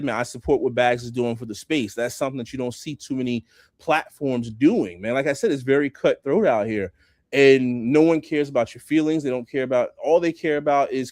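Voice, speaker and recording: A man chatting casually on a video call about building for a hackathon, animated, dropping "bro" and "you know what I'm saying" often. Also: mid-range voice, dry recording, studio quality. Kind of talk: casual chat.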